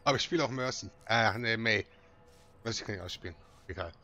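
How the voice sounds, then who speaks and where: A man's voice: fairly low pitch, brisk, bright, forceful tone. A man chatting casually and commenting as he plays a video game. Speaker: gamer. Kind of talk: casual gaming chat and commentary. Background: game music and effects.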